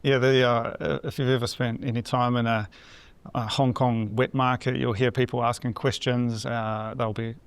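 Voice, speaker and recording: A man hosting a podcast, introducing his guest and chatting in a halting, conversational way. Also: medium pitch, little pitch movement, smooth, no echo. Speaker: podcast host. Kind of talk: interview conversation.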